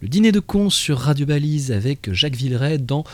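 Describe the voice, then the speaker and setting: A man presenting on the radio, introducing a film excerpt in a relaxed, conversational way. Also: a little high, a little fast. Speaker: radio host.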